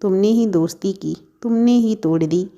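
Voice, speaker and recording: A woman doing a quiet, firm young heroine. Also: medium pitch, moderate pace, lo-fi sound, lightly acted. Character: hurt but composed young woman, heroine.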